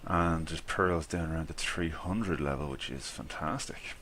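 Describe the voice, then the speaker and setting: This Irish gaming video creator rambles to himself during gameplay, chuckling at his own mistakes. His voice is extremely low and a bit bright, delivered at a measured pace over slight background noise.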